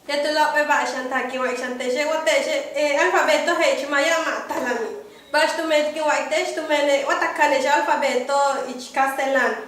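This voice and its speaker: A young woman from Yucatán, Mexico, teaches letters and sounds, high-voiced, stopping often to search for words. She sits well back from the mic in a very echoey room. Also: steady tone, a bit bright, distant mic. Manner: halting, with many fillers. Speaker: language teacher. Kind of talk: teaching lesson.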